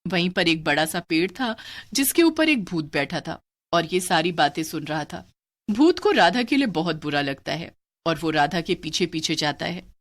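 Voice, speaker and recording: A woman reading the scripted narration of an animated children's story in an even, measured way. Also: lowish voice.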